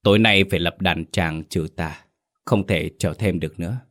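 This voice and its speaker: A man voicing a stern male exorcist master who speaks gravely and with command in a ghost story. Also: low voice, moderate pace, a bit bright.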